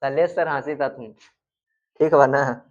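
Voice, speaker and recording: A man's voice: medium pitch, fairly even intonation, measured pace, lo-fi sound. A man teaching in a classroom-style lecture, asking questions and answering them himself, and drawing out sounds to demonstrate them.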